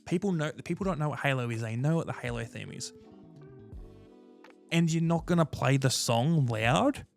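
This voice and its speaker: Gravelly-voiced man ranting about games. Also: medium pitch, brisk, faint music behind. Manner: animated, frank, swears freely. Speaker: podcast co-host. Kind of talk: casual gaming chat.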